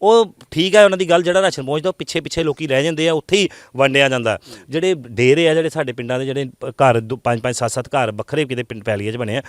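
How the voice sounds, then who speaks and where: Fast-talking earnest man from Punjab. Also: medium pitch, dry recording, studio quality. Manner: earnest, impassioned. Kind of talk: on-the-spot interview.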